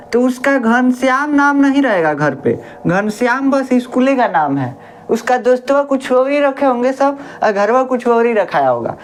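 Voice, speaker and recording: A woman science teacher, explaining a lesson in a chatty, homely way. She keeps asking questions, answering them herself and repeating the key words. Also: on the high side. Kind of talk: classroom-style lesson.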